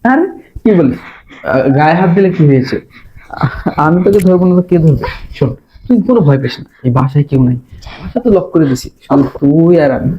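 A man acts out a scheming young man in a low-budget drama, talking fast and coaxing. He keeps his voice insistent and hushed. The sound is dull and lo-fi, with faint noise. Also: lively intonation.

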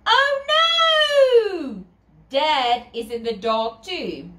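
A middle-aged South African woman reads a picture book aloud to children as a storyteller, using theatrical, sing-song emphasis and chatty asides. Her voice is on the high side, bright and forceful. She's indoors in a small bedroom, and the camera distance gives a roomy echo.

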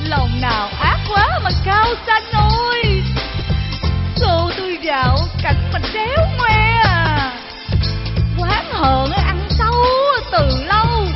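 An actress playing a dramatic older woman who sings drawn-out laments in a stage comedy. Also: extremely high pitch, dull audio.

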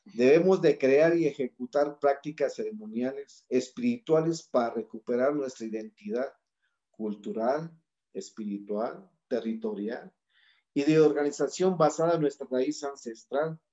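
A man's voice: mid-range voice, unhurried, warm tone, muffled recording. A man giving an impassioned public talk with a Mexican Spanish accent, building his points through rhythmic repeated lists. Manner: rhetorical, listing in rhythmic repetitions. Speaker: speaker at a community forum.

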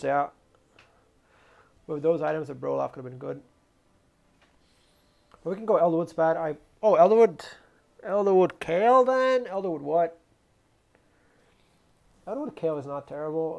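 A man streaming a strategy game, thinking aloud about his moves in low mutters with sudden excited outbursts. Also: vocal fry. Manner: mutters plans to himself, quick bursts of surprise. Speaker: gaming streamer. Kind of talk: gameplay commentary, thinking aloud.

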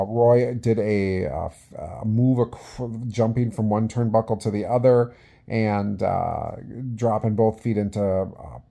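Guy in his 40s doing a casual awards presenter bit, mellow and gravelly, kinda halting. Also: fairly low pitch. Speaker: vlog host presenting awards. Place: small indoor room with plain wall. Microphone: phone at arm's length.

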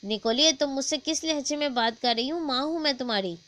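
A woman's voice: fairly high pitch, a bit bright, lightly acted. A woman voicing a harried mother of two young daughters in a storybook, talking emphatically in a raised voice. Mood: angry. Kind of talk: storybook dialogue.

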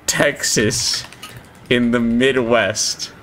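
A woman's voice: a bass voice, steady tone, very slow. A woman with an American accent bantering casually on a livestream, arguing in an exasperated, sweary way and repeating her words. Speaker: VTuber streamer. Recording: clear background noise with clicks.

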